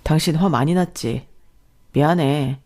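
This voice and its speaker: A woman reading the lines of a kind, meek young husband who speaks softly and apologetically. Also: sits low, unhurried. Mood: gentle.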